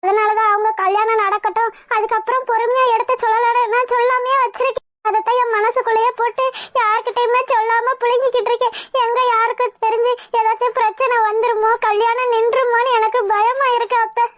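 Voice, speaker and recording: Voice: very high-pitched, level tone, brisk, hardly any pauses, fairly bright tone, a little hiss or hum. A voice actor playing a worried young pregnant wife in a cartoon, pleading and anxious. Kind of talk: cartoon voice acting.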